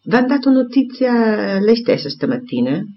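A man reading aloud and voicing a grave, firm gentleman who delivers serious news steadily. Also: on the high side, very animated, moderate pace, slight background noise. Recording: dull lo-fi recording.

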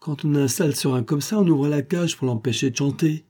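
A man's voice: fairly high pitch, brisk, dark tone, voice pushed up, close to an everyday voice. A man voicing a cocky young male street sleuth who taunts his captive. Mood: mocking. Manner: taunting, teasing.

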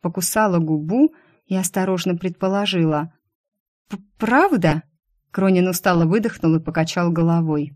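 Low, dark-voiced woman reading a story. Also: fairly even intonation, a little fast, dry recording, studio quality. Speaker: audiobook narrator. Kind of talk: first-person audiobook narration.

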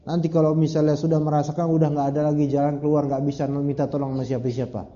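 A man's voice: a little high, quick pace. A man giving a casual religious lecture to a congregation, chatting and joking as he teaches. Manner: chatty, addresses audience as "Pak", lively jokes. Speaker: Islamic preacher. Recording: dull lo-fi lecture recording.

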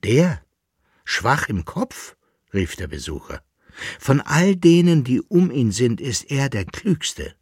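A man's voice: lowish voice, expressive, a little slow, slightly rough, no echo, studio quality. A man voicing a proud, worldly son back from abroad, speaking earnestly in a radio reading. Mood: indignant. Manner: insistent, earnest.

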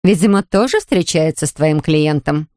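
A woman's voice: low voice, lively intonation, moderate pace, dark tone, no room sound, clean studio sound. A woman reading an audiobook, voicing a nosy, chatty rich lady who keeps prying.

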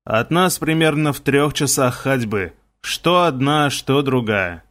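A man reading an audiobook and voicing a worried older male village commander, raising his voice higher and louder to plead. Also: lively intonation, a little slow. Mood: matter-of-fact.

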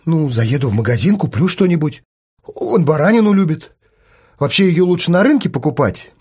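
A man's voice: on the high side, animated, normal speed, a little mellow, slightly rough. A man voicing anxious young woman Liza. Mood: unsure. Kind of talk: audiobook reading.

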